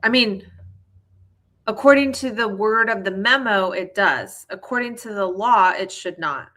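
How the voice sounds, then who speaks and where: A woman's voice: mid-range voice, unhurried, sharp tone. A woman immigration lawyer answering viewer questions in a casual, explanatory way, with many fillers and a reassuring tone. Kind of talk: live viewer Q&A.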